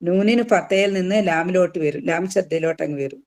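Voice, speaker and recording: A recitation teacher talks through each rule in a patient lesson. The voice sits at an ordinary middle pitch. Words get drawn out slowly and said twice, with English terms mixed in. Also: a little mellow. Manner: patient, slows right down to demonstrate each word. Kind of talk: tajweed lesson explaining recitation rules.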